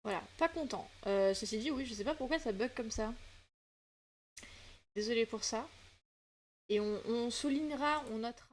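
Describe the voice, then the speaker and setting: A woman's voice: fairly high pitch, normal speed, pauses often, a little hiss or hum. A woman from south-west France chatting casually as a streamer, with a loose flow full of fillers and restarts. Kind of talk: casual livestream chat.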